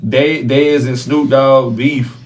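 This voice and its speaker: A man's voice: medium pitch, steady tone, takes it slowly, a little hiss or hum. A man in his thirties hosting a casual group podcast chat, laid-back and constantly asking "you know what I'm saying". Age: 30s. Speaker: podcast host.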